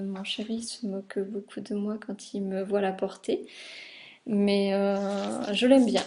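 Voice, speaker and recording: A woman's voice: medium pitch, warm tone, slight background noise. A young woman from France chatting casually about garments she sewed, with many fillers as she shows the details. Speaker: sewing vlogger. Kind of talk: casual chat.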